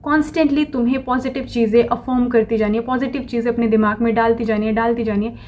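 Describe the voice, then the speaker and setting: A woman's voice: a little high, steady tone, quick pace, darkish tone. A woman giving a casual motivational talk to camera, repeating phrases over and over and slipping affirmations into her speech. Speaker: self-improvement vlogger.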